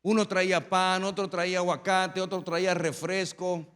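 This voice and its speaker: A male pastor delivering a sermon, moving from personal storytelling to loud, emphatic preaching. His voice sits high and sounds bright and forceful. A long reverb trails each phrase, as in a church hall. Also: level tone, moderate pace, clear, resonant tone.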